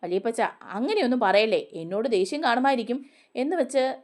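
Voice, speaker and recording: A woman voicing a gentle young woman who speaks softly and tenderly, in a storybook retelling. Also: on the high side, animated, a little fast, lightly acted. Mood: pleading. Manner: soft, tender.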